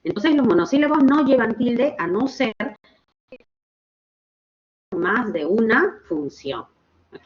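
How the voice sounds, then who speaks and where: A woman teaching a grammar lesson online, explaining slowly and checking in with her students. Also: a little high, highs cut off. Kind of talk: online class lecture.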